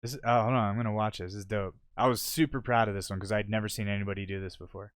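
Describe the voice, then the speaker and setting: A young man hosting an unscripted podcast, telling stories in a casual, profane, animated way. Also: fairly low pitch, very fast, no echo, studio quality. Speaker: podcast host. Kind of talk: unscripted solo podcast storytelling.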